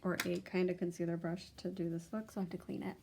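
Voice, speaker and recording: Young woman, beauty vlogger, gravelly fry in the voice, chatty step-by-step makeup tutorial delivery. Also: on the low side, level tone, quick pace, warm tone. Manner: chatty, talks through each step of applying makeup.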